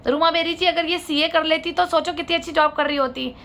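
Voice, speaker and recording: A woman's voice: very high-pitched, steady tone, a little fast, a bit bright. A woman vlogger telling her own family story to viewers, indignant and asking them to judge. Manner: indignant, appeals to viewers for their judgment.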